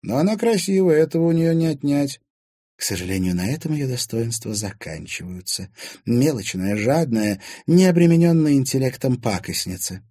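A man's voice: medium pitch, sing-song, moderate pace, dark tone, dry recording, clean studio sound, pitched above the performer's own voice. A man voicing a friendly, frank young woman confiding in her brother.

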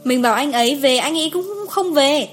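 A woman's voice: high-pitched, expressive, a little fast, faint music behind, pitched above the performer's own voice. Woman voicing a grumpy sleepy young woman. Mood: placating. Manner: brusque, complaining, placating. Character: blunt sleepy young woman friend, grumbling.

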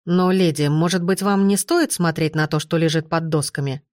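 An audiobook investigator, a stern and confident man with a cold, formal way of speaking, as a woman narrator reads him. His voice sits low and even, recorded close and dry with no room around it. He talks with clipped, businesslike certainty. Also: moderate pace, no echo, close to an everyday voice. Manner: cold, self-assured, formal.

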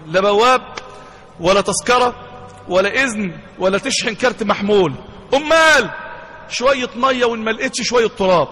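High-voiced Egyptian preacher. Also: male voice, pushed and bright, slightly rough. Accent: Egyptian Arabic. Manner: asks the crowd questions and answers them himself. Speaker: imam and preacher. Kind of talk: sermon storytelling. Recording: long hall reverb.

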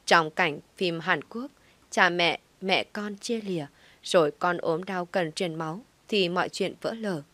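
Woman narrating a sad family story, emotive, low voice, dry close mic. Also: unhurried, a bit bright, no room sound. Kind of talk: scripted audio-story narration.

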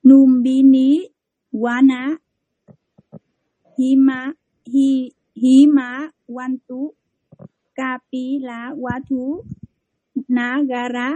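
A woman's voice: high-pitched, no echo, poor audio. A woman, a lay Buddhist student, reading a Pali chant syllable by syllable. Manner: very slow, even syllable-by-syllable reading.

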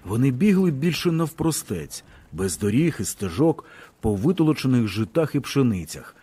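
Expressive male audiobook narrator. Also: mid-range voice, normal speed, husky. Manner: expressive storytelling. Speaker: audiobook reader. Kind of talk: scripted narration of a novel.

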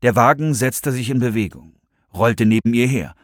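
A man narrating an audiobook in expressive, scripted storytelling. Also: mid-range voice, normal speed, no room sound, studio quality.

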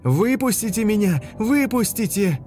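A wounded young survivor woman, hoarse and half out of her mind with terror, screaming far above a normal voice. A man reads her aloud in an audiobook. Her cries come out raw and shaking. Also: high-pitched, very animated, unhurried, a little hiss or hum, pitched above the performer's own voice. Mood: panicked screaming. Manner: panicked shouting.

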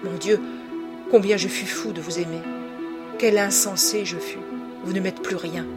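A woman's voice: lowish voice, fairly even intonation, moderate pace, loud music behind the voice, close to an everyday voice. A woman reading a bitter, scornful young man. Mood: bitter contempt. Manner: cutting, accusing tirade.

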